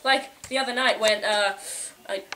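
A young woman giving a comedic mock tour of a house, boasting deadpan with sudden yelps, filmed indoors on a home camera from a distance. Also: medium pitch, normal speed. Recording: echoey room, distant mic, noisy home video.

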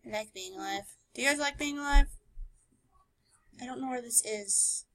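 A woman's voice: a little high, moderate pace, pushed and bright. A woman giving casual, playful and sarcastic commentary as she plays a game. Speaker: gamer narrating a playthrough. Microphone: screen recording voice-over.

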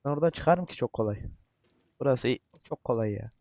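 A man giving let's-play commentary, cursing a lot in frustration and repeating short words while coaching himself to stay calm. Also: medium pitch, brisk, no echo. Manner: repetitive outbursts. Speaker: gaming YouTuber.

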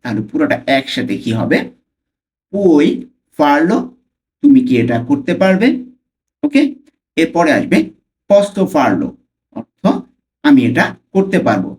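A man with a Bangladeshi accent teaching Italian phrases, repeating each one slowly and carefully. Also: mid-range voice, big pitch swings, a little mellow. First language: Bengali. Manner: slow, careful repetition of phrases. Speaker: language teacher. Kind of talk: Italian lesson for Bengali speakers.

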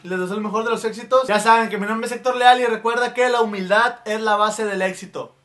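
High-voiced Mexican man vlogging. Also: brisk. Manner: animated, crude slang, switches voices. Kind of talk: joke-telling comedy vlog.

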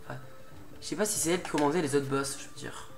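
A young man, a let's play gamer, talks fast in a voice on the high side, doing casual commentary over game music. He gets worked up as he plays, pleading with a boss and swearing at it.

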